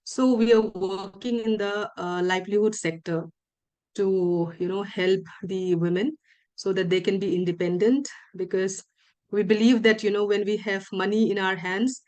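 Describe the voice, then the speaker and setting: A woman's voice: mid-range voice, fairly even intonation, moderate pace, darkish tone. A woman earnestly introducing her women's livelihood group at a meeting, with many "you know"s. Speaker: participant.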